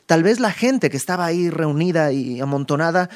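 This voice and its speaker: A man teaching a verse-by-verse Bible study, speaking emphatically and moving between raised and hushed passages, with conversational asides. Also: fairly high pitch, expressive, a little fast. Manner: conversational asides and tag questions.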